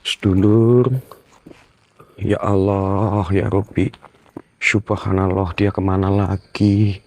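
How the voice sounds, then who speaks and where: A man with a low voice guides his viewers through a night ghost hunt outdoors. He speaks in a hushed, tense way, sometimes dropping to a whisper. Now and then he murmurs prayers under his breath. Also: flat delivery, takes it slowly. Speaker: ghost-hunting vlogger.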